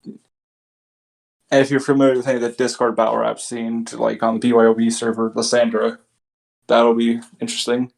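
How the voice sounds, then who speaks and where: Gravelly laid-back guy. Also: medium pitch, completely flat delivery, normal speed, pauses often. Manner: laid-back, blunt, swears casually. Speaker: guest, battle rapper. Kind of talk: casual interview chat.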